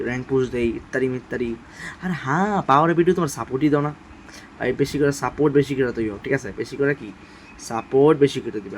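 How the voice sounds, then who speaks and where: A man giving casual gameplay commentary. He keeps his voice low and quiet because it is late at night, and talks in a repetitive, pleading way to his viewers. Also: slight background noise. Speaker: gaming channel host.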